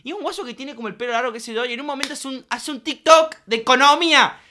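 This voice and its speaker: A young woman with an Argentine accent chats with her friends. She tells her stories with lively energy and acts out the people in them. Her voice is bright and clear. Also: high-pitched, fast. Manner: animated storyteller, acts out quotes. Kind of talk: casual chat among friends.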